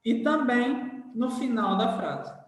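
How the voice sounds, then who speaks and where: A man's voice: extremely high pitch, animated, takes it slowly. Man teaching in an echoey hall. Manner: repeats key phrases, checks in with "tá?". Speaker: Portuguese grammar teacher. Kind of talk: classroom grammar lesson. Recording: echoey hall, voice far from the mic.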